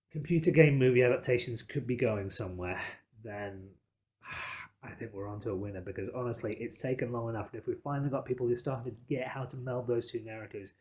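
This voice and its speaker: In a mid-range, slightly mellow voice, a man hosts a podcast about film. He wanders through his points emphatically, hedging and qualifying them as he constructs his argument.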